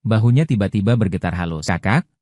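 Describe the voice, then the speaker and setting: A man narrating a romance story in a scripted, even reading style. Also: fairly low pitch, fast, dry recording.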